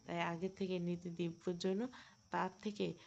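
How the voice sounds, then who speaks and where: Female audiobook narrator, steady story read, lo-fi sound. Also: fairly low pitch, normal speed, creaky. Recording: dull lo-fi recording.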